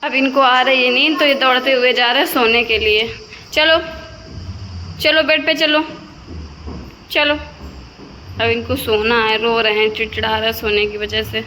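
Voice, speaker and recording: A woman's voice: on the high side, normal speed, pushed and bright, in a large hall, a little hiss or hum, rough recording. A woman casually narrating a home vlog of her toddler, chatting to viewers and cooing at the baby. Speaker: vlogger filming her toddler. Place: home, indoors.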